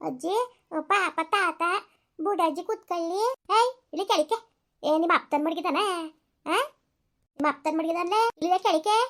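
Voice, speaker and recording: A woman's voice: very high-pitched, normal speed, pauses often, a bit bright. A woman voicing a caring but defiant young village daughter-in-law with a rural Karnataka Kannada accent, in a village family drama.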